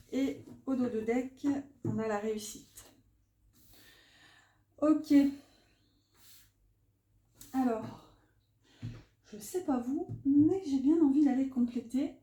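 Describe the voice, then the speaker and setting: Unhurried woman card reader, chatty and muttering, fairly high voice in an echoey room. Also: dark tone. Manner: chatty, muttering to herself while shuffling, many fillers. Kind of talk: casual card reading. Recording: echoey room with faint noise.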